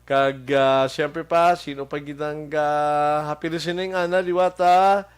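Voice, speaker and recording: A man hosting a local radio show with a Hiligaynon accent, chatting casually and greeting listeners by name, halting with many fillers and chuckles. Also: on the high side, fairly even intonation, clear, resonant tone. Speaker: radio host. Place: radio studio.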